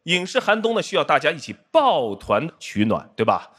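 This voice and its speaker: A man's voice: a little high, big pitch swings, normal speed. A middle-aged man from Shanghai delivering a self-mocking roast set with punchline timing on a studio stage. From Shanghai, China. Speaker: roast guest comedian and actor. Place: studio stage before a live audience. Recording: loud audience laughter and noise.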